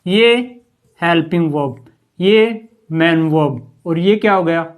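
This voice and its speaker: A male teacher walks through an English grammar lesson at an even, patient pace. He keeps quizzing his listeners with rhetorical questions, and his sentences tend to sink lower and quieter at the ends. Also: slow. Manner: patient, keeps asking the class rhetorical questions and saying "ठीक है". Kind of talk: explanatory classroom lesson.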